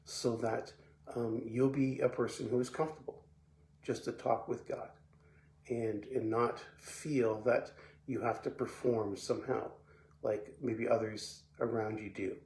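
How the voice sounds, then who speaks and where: A man from Belgium giving a short, relaxed devotional talk as a pastor, often repeating words and pausing with fillers. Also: medium pitch. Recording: echoey room with faint background noise.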